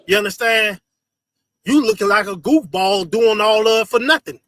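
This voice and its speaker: A man's voice: sits high, moderate pace. A man hosting a casual livestream, commenting emphatically on a video and repeating his phrases. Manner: loud, emphatic, repeats phrases and laughs often. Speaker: host reacting to a video.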